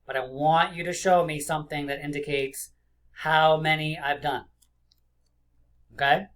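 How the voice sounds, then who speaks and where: A man in his forties teaching young children like a kids show host, encouraging them with simple questions and pauses. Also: a little high, flat delivery, fairly bright tone. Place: small indoor room.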